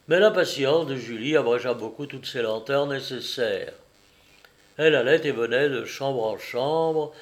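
Male audiobook narrator, measured and expressive. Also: mid-range voice. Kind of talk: scripted narration of a classic novel.

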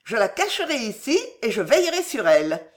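A woman reads aloud as a fiery young woman full of longing and jealousy. The voice sits high and rises and falls widely, and the delivery stays emotional and imploring throughout. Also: sing-song, a little fast. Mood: earnest. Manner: emotional, pleading. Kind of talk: audiobook character reading.

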